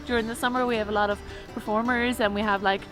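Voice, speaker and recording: A woman's voice: a little high, fairly even intonation, fast. A woman from Galway with a west of Ireland accent, chatting enthusiastically as a vlog co-host over music. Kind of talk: casual vlog chat. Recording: music playing behind the voice. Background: clear background music.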